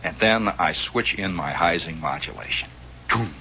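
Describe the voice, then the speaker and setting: A man telling a story in a radio monologue, animated and chuckling as he acts out the scenes, on a dull lo-fi recording. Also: sits low, moderate pace, breathy edge.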